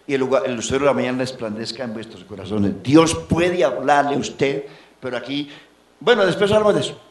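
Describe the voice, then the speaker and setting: Antioquian pastor preaching, fairly high voice, big loud-soft swings, church echo. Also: male voice. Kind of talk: sermon.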